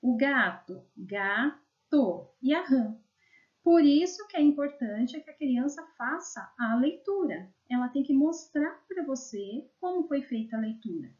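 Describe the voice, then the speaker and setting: A woman with a Brazilian Portuguese accent who works as an educational psychologist gives a video lesson, explaining slides and sounding out words slowly syllable by syllable. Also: high voice, expressive, mellow, dull audio.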